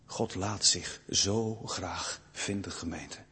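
Young husky-voiced preacher in a church. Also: male voice, sits low. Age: young adult. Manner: shifts between hushed, slow passages and loud, fervent rises. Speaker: pastor. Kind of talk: sermon. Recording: long reverb of a church hall.

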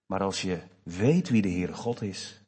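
A man preaching a sermon to his congregation in a church, slow and emphatic with expressive rises. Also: deep voice, husky. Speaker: pastor. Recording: long church reverb.

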